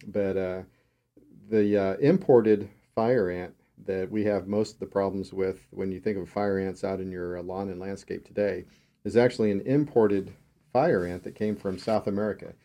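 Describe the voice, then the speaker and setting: A man's voice: sits low, fairly even intonation, moderate pace, mellow. A man co-hosting a radio show in casual chat. He is easygoing, chuckles often and explains things at length. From Texas.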